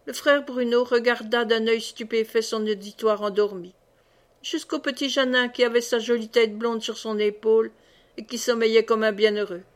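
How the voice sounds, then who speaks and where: Female audiobook reader, even storytelling, somewhat high pitch. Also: normal speed. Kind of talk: scripted narration.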